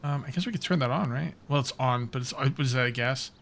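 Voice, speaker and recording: A gaming YouTuber with a mid-range, gravelly, slightly bright voice talks quickly. He rambles through casual let's-play commentary aimed at his viewers as he plays.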